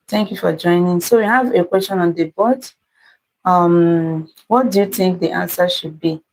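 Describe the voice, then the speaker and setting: On a low-quality recording, a woman with a lowish, darkish voice and a Nigerian accent hosts an interactive math puzzle livestream. She reads out comments unhurriedly, greeting and thanking viewers by name again and again.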